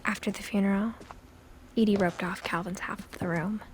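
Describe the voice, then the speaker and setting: A woman playing a reflective young woman narrating her family's history in a video game, quiet and measured. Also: mid-range voice, steady tone, a little hiss or hum, natural voice. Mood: wistful, reflective.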